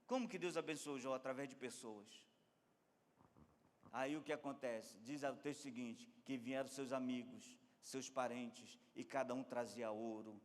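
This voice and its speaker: A man, a bishop preaching a sermon, swinging from quiet storytelling to emphatic near-shouting. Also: medium pitch, steady tone, measured pace. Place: large church hall. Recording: long reverb of a large hall.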